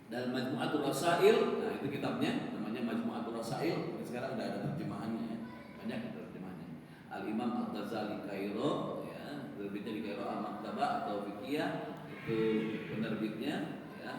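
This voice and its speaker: A man's voice: mid-range voice, slight background noise. A man giving an evening sermon in a mosque, joking and acting out little dialogues between neighbors. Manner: lively, joking, acts out dialogue. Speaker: preacher. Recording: echoey mosque hall from far off.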